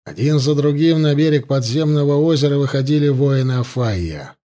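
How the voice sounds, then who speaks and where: A man narrating a fantasy audiobook with expressive storytelling. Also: mid-range voice, brisk.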